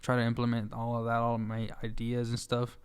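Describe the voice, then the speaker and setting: Young man, smooth voice, rambling chat. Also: mid-range voice, monotone, brisk. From Juarez, Mexico. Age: about 20. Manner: rambling, laughs easily, many fillers and restarts. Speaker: guest musician. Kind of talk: casual interview chat.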